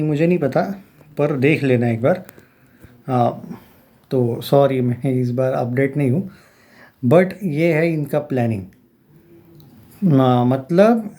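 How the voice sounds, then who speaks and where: A man's voice: on the high side, dark tone. A young man giving casual film commentary, rambling along with many fillers and restarts. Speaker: film news YouTuber.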